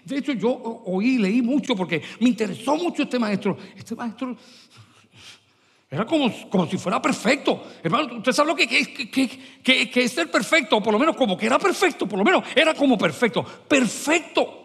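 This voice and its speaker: A man preaching a lively sermon as pastor, mixing English words into his speech. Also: extremely high pitch, normal speed, vocal fry, slightly rough, in a large hall. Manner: animated, mixes English words into Spanish.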